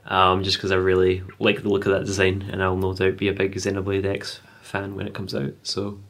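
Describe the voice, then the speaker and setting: Male co-host, low and bright, relaxed hedging chat. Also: fairly quick, slight background noise. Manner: hedging, many ums. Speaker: podcast co-host. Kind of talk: casual chat.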